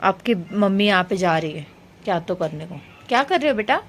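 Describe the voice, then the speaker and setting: A woman films a casual home vlog in her apartment. She coaxes her small child with gentle questions. Her pitch sits at an ordinary middle level, and a faint hiss runs underneath. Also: lively intonation, brisk. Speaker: vlogger.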